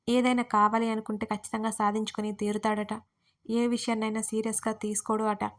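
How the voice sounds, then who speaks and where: A young woman narrating her own audio story in the first person, playful and lively. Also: on the high side. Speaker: writer and narrator.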